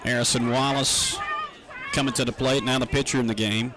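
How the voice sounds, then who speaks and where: A man's voice: medium pitch, fairly even intonation. Man calling baseball play-by-play outdoors. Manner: brisk, rising on big plays. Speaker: play-by-play announcer. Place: outdoor ballpark. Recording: crowd noise from an outdoor ballgame.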